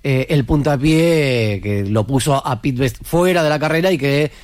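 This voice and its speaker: A man with an Argentine accent, a musician in a tribute band, answers interview questions as a guest with explanatory anecdotes and frequent tag questions seeking agreement. His medium-pitched voice is a little mellow at a moderate pace, with no echo.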